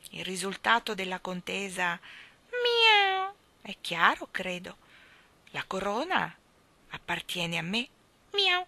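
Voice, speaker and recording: A woman voicing a sly, proud talking cat who breaks into high drawn-out meows. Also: sing-song, sharp tone, dry recording, full character voice. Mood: mocking.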